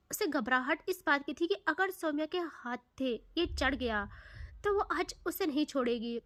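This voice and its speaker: A woman's voice: high voice, fairly bright tone, no room sound. A woman narrating a love story in a chatty, casual way, slipping in English words.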